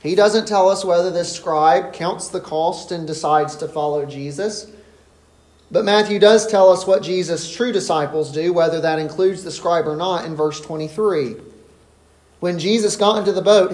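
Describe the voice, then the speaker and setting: A man's voice: sits high, darkish tone, reverberant. A man preaching an expository sermon in an earnest, emphatic way. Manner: earnest, emphatic, rises sharply when voicing the disciples.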